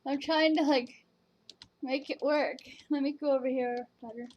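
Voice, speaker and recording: A woman's voice: high-pitched, fairly even intonation, moderate pace, lo-fi sound. A woman casually chatting at home at her computer, rambling and hesitant, with many fillers and restarts. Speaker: vlogger reviewing virtual canes. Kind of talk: casual chat.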